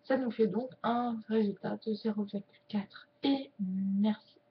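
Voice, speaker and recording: A woman with a mid-range voice, a sign language YouTuber, chats casually to camera, joking and slowing her speech as she signs. The recording sounds dull and lo-fi.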